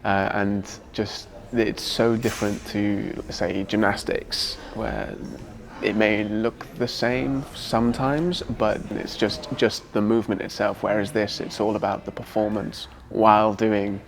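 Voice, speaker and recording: A young man from Wales, a dancer, speaking in a thoughtful, hesitant way with many pauses in a documentary interview. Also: on the low side, level tone, creaky, slight background noise.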